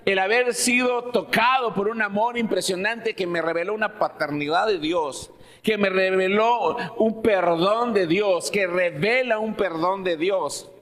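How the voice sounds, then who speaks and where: A man preaching a sermon as pastor, earnest, slowing down on key phrases and often restarting sentences. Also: sits high, fairly bright tone. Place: church hall. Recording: long church-hall reverb.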